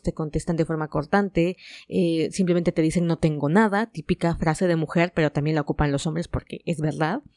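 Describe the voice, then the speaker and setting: A woman's voice: on the low side, darkish tone, no room sound, clean studio sound. A woman from Mexico with a Mexican Spanish accent, hosting a relationship advice podcast in a chatty, frank way with playful asides. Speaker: podcast host.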